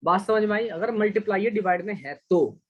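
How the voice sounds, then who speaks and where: A man's voice: high voice, fairly quick, narrow, tinny audio. A man teaching a math class online, patiently explaining steps and praising students by name as he checks their answers.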